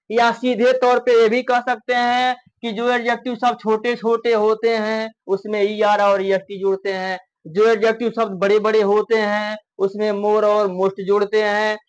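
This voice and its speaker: A man with a very high-pitched voice and a Hindi accent teaches grammar from a chart. He explains patiently step by step, drawing out example words slowly. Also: lo-fi sound. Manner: explains step by step, often slowing to spell out words.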